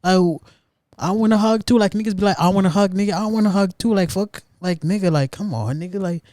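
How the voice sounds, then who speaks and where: A young man from Africa trading stories in loose, profanity-laced slang, wandering from point to point. His voice sits a touch high for a man. The sound is close and dry, with no room around it. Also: a little fast, a little mellow, no room sound. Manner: slangy and profane, rambling storyteller. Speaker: podcast co-host. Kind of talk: casual chat.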